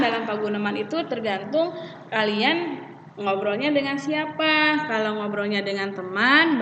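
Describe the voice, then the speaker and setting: A woman teacher explains a lesson one point at a time. Her voice sits fairly high, and she hesitates often as she goes. She is recorded from a distance in a long, echoey hall, and the sound is dull. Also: fairly bright tone, a little hiss or hum. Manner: explains step by step, with frequent hesitations.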